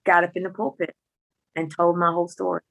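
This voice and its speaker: A woman's voice: lowish voice, little pitch movement, fairly quick, gravelly, rough recording. A middle-aged woman from rural Mississippi with a Southern country accent, telling her personal story as a guest in a folksy, candid, emphatic way. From Mississippi, rural United States.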